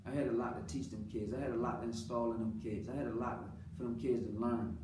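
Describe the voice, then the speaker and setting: A man's voice: medium pitch, fairly even intonation, fast talker. An American man speaking off the cuff in an earnest, colloquial personal monologue, repeating phrases for emphasis. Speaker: father speaking about his own life. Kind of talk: unscripted personal monologue, casual talk. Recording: roomy, distant mic, clearly noisy background.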